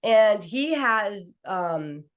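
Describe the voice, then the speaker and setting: A woman's voice: mid-range voice, animated, very slow. An American woman in her thirties, hosting a podcast in an informal, conversational, enthusiastic way. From small town in Washington, United States. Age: 30s. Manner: enthusiastic, informal, uses y'all and like. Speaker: podcast host. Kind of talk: chill, conversational interview hosting.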